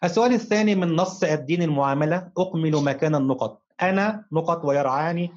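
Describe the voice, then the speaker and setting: A man teaching a recorded primary-school lesson, addressing his pupils fondly and slowing down to read examples word by word. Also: fairly high pitch, darkish tone. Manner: slow, careful dictation-style reading of examples. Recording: dull, lo-fi recording.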